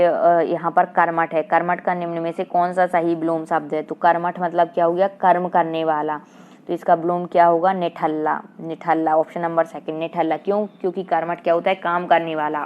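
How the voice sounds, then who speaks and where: A woman teacher with a Madhya Pradesh Hindi accent runs an exam-prep grammar class. Her voice sits low and stays fairly even, and she keeps asking questions that she answers herself. The sound is dull and lo-fi, typical of a cheap online class recording. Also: clean tone. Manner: rhetorical questions answered herself, filler "ठीक है"; slow sing-song recitation of verse lines.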